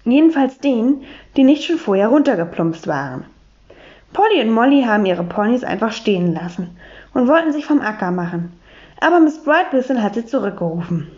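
A woman reading a children's storybook aloud, telling it lively in the first person as a boy. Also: a little high, a little fast. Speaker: audiobook reader. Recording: dull lo-fi recording.

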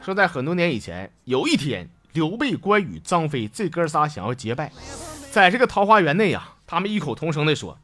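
A man with a Northeastern Mandarin accent tells funny stories as a show host, chatting along and chuckling at his own punchlines. His voice sits a little high and swings widely up and down. Music plays clearly underneath him. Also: big pitch swings, a little fast, fairly bright tone. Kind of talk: comic storytelling show. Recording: music bed behind the voice.

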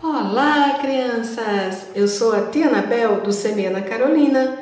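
A woman's voice: fairly high pitch, measured pace, darkish tone, faint music behind. A Brazilian woman, a teacher narrating a children's story to young listeners. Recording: very echoey room.

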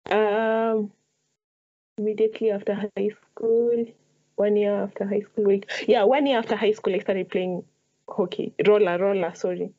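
A woman's voice: mid-range voice, steady tone, normal speed. Young Kenyan-accented woman, slightly dull recording. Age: young adult. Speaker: podcast guest, ice hockey player. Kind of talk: casual interview answers.

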